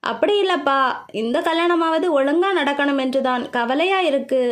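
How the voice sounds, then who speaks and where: A woman voicing a gentle, anxious middle-aged mother in an audiobook. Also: high-pitched, lively intonation, moderate pace. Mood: worried.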